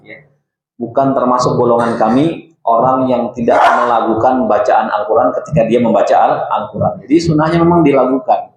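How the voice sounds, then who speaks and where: A man's voice: mid-range voice, brisk, reverberant, background noise. A male preacher giving a conversational sermon, often asking the audience questions and adding "ya".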